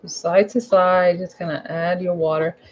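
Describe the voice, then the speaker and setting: Here a woman with a husky, hoarse voice, fairly low in pitch and steady in tone, walks through painting steps at a moderate pace. It's an informal, chatty tutorial recorded at home, and she repeats her directions casually.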